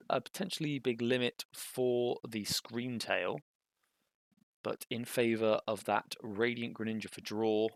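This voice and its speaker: A young man giving casual, thinking-aloud commentary on a card game match, with bursts of excitement. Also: medium pitch, gravelly, no room sound, studio quality.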